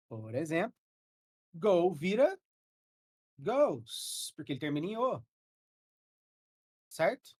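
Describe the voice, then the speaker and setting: Brazilian woman, online English teacher on a headset, slightly low husky voice, patient step-by-step explaining. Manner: explains grammar rules step by step, checking in with students. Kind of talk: live online class.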